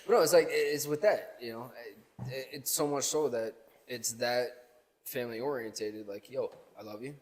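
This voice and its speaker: A man's voice: medium pitch, in a large hall, low-quality recording. A man co-hosting a casual podcast, telling stories in a profane, easygoing way. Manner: quick, profane storytelling. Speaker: podcast co-host.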